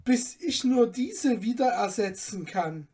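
A poor young student, choked up with tearful gratitude, as a woman reading aloud puts him on. He speaks high and pleading, with emotional emphasis. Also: expressive, slow, dark tone.

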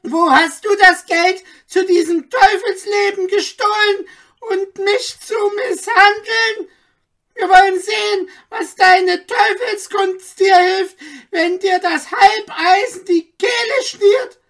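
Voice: fairly even intonation, takes it slowly, pushed and bright, full character voice. Shrieking furious old judge. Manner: shrill, screaming threats.

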